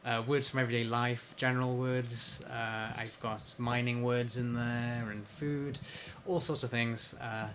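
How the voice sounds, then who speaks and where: A man being interviewed casually about his research and his book. He talks at an ordinary pitch, hesitant and full of pauses and restarts. A faint hum of ambience sits under the recording. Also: flat delivery, fairly bright tone. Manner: hesitant, lots of fillers and restarts. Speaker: interviewee, PhD researcher and author.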